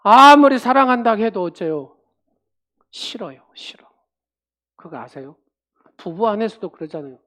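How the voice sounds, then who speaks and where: Woman pastor preaching in church, talks to the congregation, acts out little quotes, loud then quiet. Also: medium pitch. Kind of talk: sermon.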